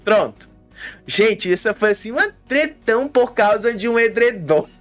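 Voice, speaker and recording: A woman with a Brazilian Portuguese accent giving a gossipy, fast-moving casual recap of a reality show. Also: a little high, expressive, faint music behind.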